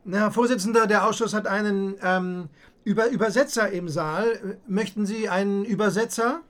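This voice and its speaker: A high-voiced, businesslike chief investigator. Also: male voice, normal speed, a bit bright. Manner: businesslike, clipped questioning. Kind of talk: radio play reenacting a hearing.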